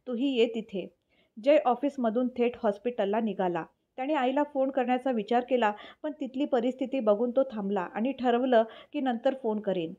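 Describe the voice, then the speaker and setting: Woman, storyteller, steady reading, warm soft tone, muffled lo-fi sound. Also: fairly high pitch. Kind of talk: scripted story narration. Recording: dull lo-fi recording.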